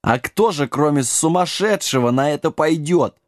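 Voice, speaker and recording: A man's voice: on the high side, expressive, normal speed, no room sound, clean studio sound, natural voice. A man voicing a small, timid, drunk bearded male gnome who stammers and slurs. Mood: frightened. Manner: stammering, slurred.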